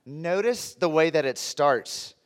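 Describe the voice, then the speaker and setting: Deep-voiced pastor, slightly congested, echoing hall. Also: male voice, lively intonation, slow pace. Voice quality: unusually deep voice from being under the weather. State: under the weather, congested. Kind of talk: sermon, conversational teaching. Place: large reverberant room, preaching to a congregation. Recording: reverberant hall sound.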